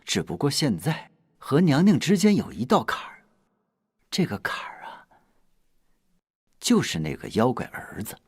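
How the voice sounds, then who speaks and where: An actor playing a lovesick king in a costume TV drama, wheedling and self-pitying, swinging from loud outbursts to hushed asides. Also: medium pitch, wildly swooping pitch, measured pace, pauses often, husky, dry recording, clean studio sound, full character voice. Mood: brooding. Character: lovesick grumbling male king, middle-aged.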